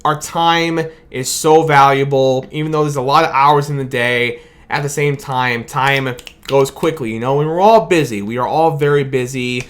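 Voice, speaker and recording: Closing out his post-game reaction video late at night, a young sports fan host gives a long, thankful, meandering goodbye. His mid-range voice is fairly bright and fairly even, moving at normal speed with few pauses, though fatigue is wearing it down. The setup is a camera mic and his own light.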